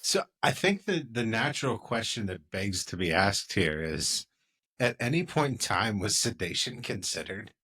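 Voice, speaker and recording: A man hosting a podcast, asking casual questions and giving short, relaxed replies. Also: fairly low pitch, moderate pace, slightly rough. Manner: relaxed, brief backchannel replies. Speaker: podcast host.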